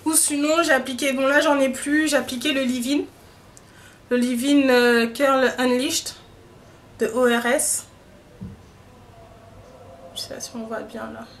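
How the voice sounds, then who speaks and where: A young woman chats to the camera in a relaxed vlog, her voice sitting a touch high. She hesitates often and fills pauses as she goes. A faint hiss runs under the recording. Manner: chatty, many hesitations and filler sounds. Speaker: beauty vlogger. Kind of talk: casual hair-care vlog.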